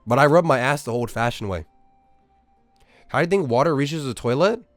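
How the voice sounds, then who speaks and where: A man's voice: medium pitch, expressive, brisk, no room sound, faint music behind. A young man, ranting in a casual, profane way at his live-stream chat. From Australia. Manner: incredulous, profane, exaggerated ranting.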